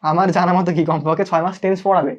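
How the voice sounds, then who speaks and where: In a live online English class, a young tutor with a Bangladeshi Bengali accent races along, his high voice fairly even in intonation. He keeps checking in and asking students for comments. The recording is muffled.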